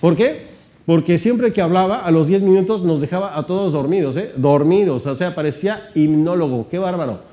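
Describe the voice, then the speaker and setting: A man giving an animated seminar-style teaching talk, shifting his volume and pitch and asking many rhetorical questions. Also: a little fast, highs cut off. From Mexico. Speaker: motivational trainer.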